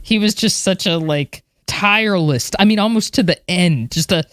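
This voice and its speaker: A woman's voice: fairly low pitch, normal speed, no room sound, clean studio sound. A woman co-hosting a podcast, chatting animatedly about space history with lots of fillers. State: moved, a little emotional. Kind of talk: casual chat.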